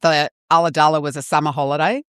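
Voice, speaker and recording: A middle-aged woman, born in Fiji and raised in New Zealand, with Fijian as her first language, tells her life story frankly and casually as a podcast guest, swearing in a laid-back way. Her voice is deep, steady, a bit bright and clean, and she talks fast. The recording is dry with clean studio sound.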